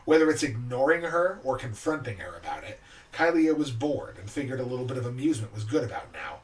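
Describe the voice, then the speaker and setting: A man co-hosting a podcast, casually chatting about his tabletop game characters in a relaxed, explanatory way. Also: mid-range voice, quick pace. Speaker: podcast co-host. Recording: distant mic with faint background noise.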